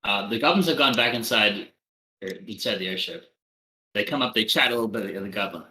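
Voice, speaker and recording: A man's voice: on the low side, fairly quick, bright, forceful tone, roomy sound, low-quality recording. A man narrating a tabletop game as game master.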